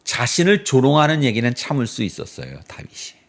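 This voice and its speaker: A man's voice: medium pitch, big pitch swings, fairly quick, vocal fry. A male pastor delivering a Sunday sermon in church, telling the story dramatically and asking the congregation rhetorical questions. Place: church sanctuary.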